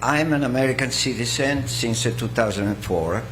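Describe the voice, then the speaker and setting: A man from Italy with an Italian accent, speaking from the floor at a seminar in a slow, halting way and clearing his throat often. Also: medium pitch, background noise. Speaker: audience member.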